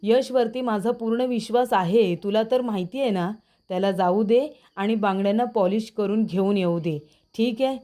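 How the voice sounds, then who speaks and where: A woman with a mellow, natural, medium-pitched voice speaks at a moderate pace, playing a worried, loving older mother. Doting and fretful, she coaxes her son and frets over him.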